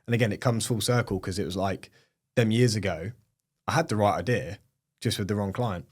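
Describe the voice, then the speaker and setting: Brisk and slightly rough, a young British man's lowish voice carries his chatty podcast appearance. He owns an agency, speaks with an English accent and leans heavily on fillers like "like" and "um".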